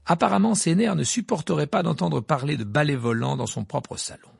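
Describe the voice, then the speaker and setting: A man reading an audiobook in expressive scripted narration. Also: on the high side, a little fast, creaky, slightly rough, dry recording, studio quality.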